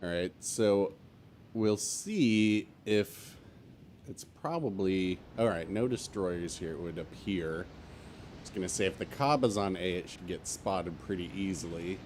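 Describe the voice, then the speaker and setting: A stuffy, slightly hungover man talking through a live game stream. His voice sits on the low side, and he rambles along casually with plenty of ums and restarts. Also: a little slow, a little mellow, slight background noise. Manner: rambling, conversational, many fillers.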